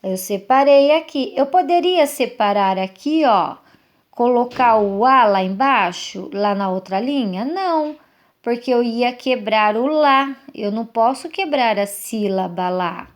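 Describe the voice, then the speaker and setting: A primary school teacher, a woman, patiently walks young children through a lesson step by step, checking in with questions. Her voice is fairly high, animated and unhurried.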